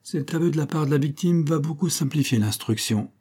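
A cold, stern governor, as a male reader puts him on, speaking formally and without warmth. The voice is dark and slightly husky. It sounds like a storybook reading. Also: fairly high pitch, brisk, pitched above the performer's own voice.

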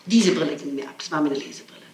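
Racing along in a low-pitched voice, a woman gives an emphatic, insistent statement to police, repeating herself as she goes. The setting is an echoey interrogation room, preserved on noisy, echoey archival tape with a distant mic.

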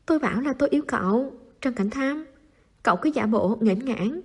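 A woman's voice: medium pitch, normal speed, a little mellow, husky, natural voice. A woman reading the part of a stubborn teenage boy who talks in blunt, clipped lines and gets flustered when pressed. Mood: flustered insistent. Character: stubborn teenage boy, gruff but tender.

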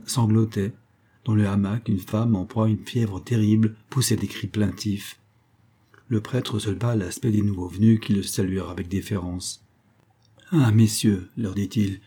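A man narrates an audiobook in a steady, even storytelling voice. His voice is low and very dark, with a husky, slightly breathy grain. The reading is measured and scripted. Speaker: audiobook reader.

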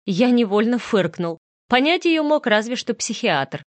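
A woman's voice: on the high side, sing-song, a little slow, no room sound. Woman narrating an audiobook, dry sound. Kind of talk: first-person audiobook narration.

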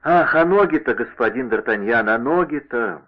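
A man's voice: medium pitch, animated, moderate pace, lightly acted. A man voicing a fat, aging male servant who talks in a mournful, deferential way. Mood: plaintive. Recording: narrow radio-like sound.

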